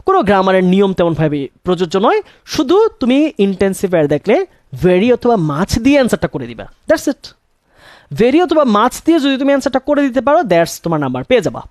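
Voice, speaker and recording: Lively man teaching grammar. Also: high-pitched, fairly quick, dry recording, studio quality. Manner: asks questions and answers them himself, repeats key words. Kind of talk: classroom-style grammar lesson.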